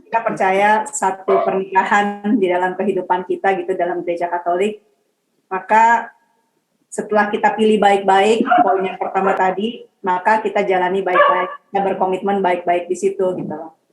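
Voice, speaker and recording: Woman, casual chat, relaxed, homely analogy, roomy echo. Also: mid-range voice, normal speed. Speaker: podcast panelist.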